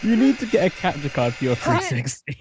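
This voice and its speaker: A man chatting as a podcast guest from an armchair at home, laid-back and chuckling, halting on fillers. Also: fairly high pitch, sing-song. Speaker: podcast guest, radio show admin. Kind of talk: casual chat.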